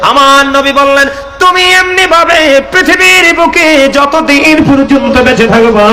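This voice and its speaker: A man preaching an impassioned Islamic sermon, calling out to his audience for responses. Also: high voice. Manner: rhythmic, impassioned preaching with regional dialect asides. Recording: echoey hall sound.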